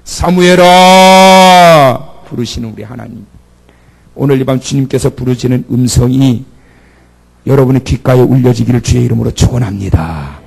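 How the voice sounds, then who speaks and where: A man's voice: medium pitch, brisk, warm tone. A man preaching a sermon, retelling the story dramatically and acting out the speakers in it. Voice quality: gravelly. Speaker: pastor.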